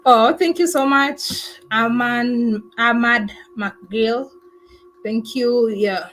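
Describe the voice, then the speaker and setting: Chatty higher-voiced woman vlogger. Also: very slow, a bit bright, a little hiss or hum, low-quality recording. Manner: chatty, thankful, laughs often, many fillers. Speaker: travel vlogger on a livestream. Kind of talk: casual livestream chat, reading viewer comments.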